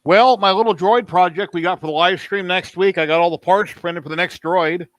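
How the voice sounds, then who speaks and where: A man's voice: high voice, brisk, dry recording. A man in his fifties hosting a livestream, telling rambling stories in casual chat. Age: 50s. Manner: rambling storyteller. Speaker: livestream host.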